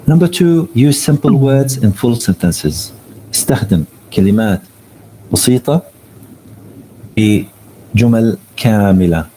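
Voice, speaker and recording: A man teaching an online English lesson. He reads each tip slowly in English and then explains it in Arabic. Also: mid-range voice, warm tone, a little hiss or hum, rough recording.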